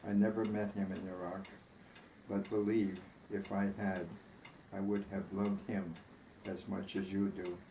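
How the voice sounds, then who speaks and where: A gentle, thoughtful male war veteran in a storybook romance, read by a man. He speaks very slowly in a mellow voice, with the echo of a room around him. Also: sits low, flat delivery. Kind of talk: storybook reading. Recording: roomy echo, faint background noise.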